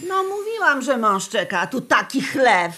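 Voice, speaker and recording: Woman playing a high-voiced, scolding office cleaner. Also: big pitch swings, normal speed, bright, forceful tone, slight background noise, heavily acted. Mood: exasperated. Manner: brusque, exasperated, colloquial. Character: grumbling, scolding married female office cleaner. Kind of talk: acted audio drama.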